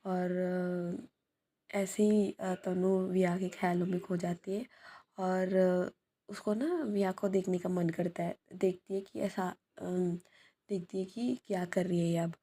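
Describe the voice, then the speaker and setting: A woman's voice: lowish voice, fairly even intonation, slow, mellow. A woman hosting her channel, telling a love story in a casual, hesitant way with many filler sounds.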